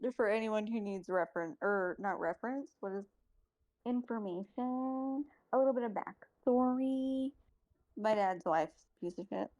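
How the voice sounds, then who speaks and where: A woman's voice: mid-range voice, normal speed, a little mellow, poor audio. A young woman guesting on a livestream, chatting loosely and giggly. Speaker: stream guest. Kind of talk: casual chat on a livestream.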